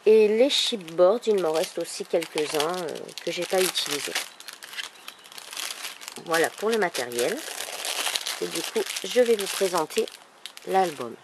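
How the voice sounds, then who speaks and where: A woman with a thick, swollen-tonsils sore-throat voice, speaking softly and casually as she presents a craft project. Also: lowish voice, animated, unhurried, long pauses. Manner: soft-spoken, holding back volume. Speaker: craft video maker presenting an album. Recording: clearly noisy background ambience.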